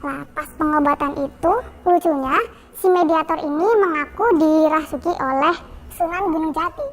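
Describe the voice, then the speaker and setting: A young woman guest telling her own story in a halting, repetitive way with many fillers. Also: high voice. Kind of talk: personal testimony.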